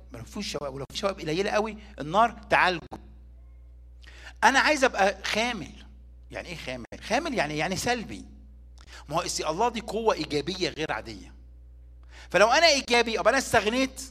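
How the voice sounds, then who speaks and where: A man preaching a sermon with an Egyptian Arabic accent, switching between emphatic bursts and hushed whispers. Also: high-pitched, husky.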